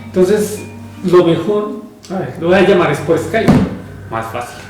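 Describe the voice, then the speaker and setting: A man with a fairly high voice hosts a live show, sounding flustered and going over the same words again. He is set back from the mic in a strongly echoing room, with faint music behind. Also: animated, measured pace. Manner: flustered, repetitive. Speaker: podcast host handling the call. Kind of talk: casual live show chat. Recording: distant, very echoey room.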